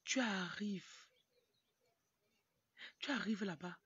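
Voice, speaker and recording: Speaking at medium pitch and drawing out her words, a young Cameroonian woman raised in Tonga gives a casual motivational talk to camera, with frequent asides, in a Cameroonian French accent. She's a motivational speaker and livestream host. She films herself in a yard on a phone at arm's length, and the audio is muffled and noisy, with a rooster crowing and other background noise.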